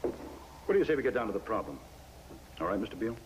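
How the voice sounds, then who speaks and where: An actor playing a hard, guarded businessman on the run from the law in an old television drama, speaking in a clipped, quietly threatening way. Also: lowish voice, big pitch swings, fast talker. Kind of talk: 1950s television drama acting. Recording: old television recording with audible hiss.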